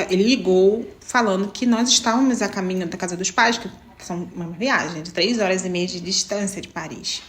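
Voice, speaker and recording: A young adult woman from Brazil, telling her own love story to her viewers in a casual, emotional way and often calling out to them directly. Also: medium pitch. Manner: animated, emotional, addresses viewers as "gente".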